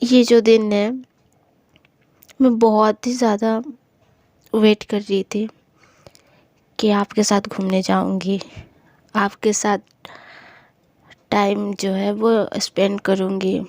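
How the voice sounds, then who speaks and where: Brief: woman playing a young lover in an audio story, high, slow and mellow, apologetic and coaxing. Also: steady tone, no echo. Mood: soft whisper. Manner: pleading, apologetic, affectionate. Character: young woman pleading with her upset girlfriend.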